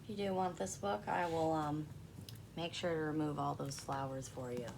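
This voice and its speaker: A woman in a soft-spoken ASMR role-play as a librarian, talking in a hushed, gentle library voice with a creaky edge. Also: low voice, fairly even intonation, normal speed, background noise.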